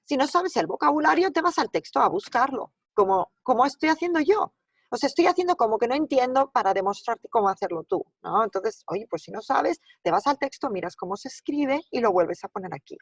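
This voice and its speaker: A woman's voice: on the high side, very animated, a little fast, breathy edge, no echo. Woman teacher, native speaker, homework walkthrough at the computer, thinks aloud with constant check-ins, dry room. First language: Spanish. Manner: talks students through steps, thinking aloud with rhetorical checks. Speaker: Spanish teacher. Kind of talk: recorded homework walkthrough lesson.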